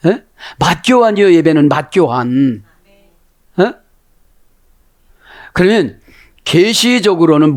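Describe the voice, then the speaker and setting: A male pastor delivering a sermon, often checking in with his listeners with short questions and acting out voices. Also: high voice. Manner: animated, constantly prompting the congregation with "에?"; acts out quoted voices within the sermon.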